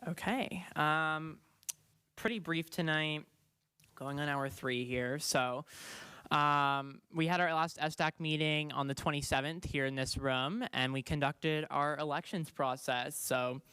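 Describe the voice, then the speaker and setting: A young man gives his committee report at a school board meeting in a loose, halting way, full of ums and restarts. His voice is bright and smooth. The sound is close and dry. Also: on the high side, steady tone, no echo. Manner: casual, halting with many fillers. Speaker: student board trustee.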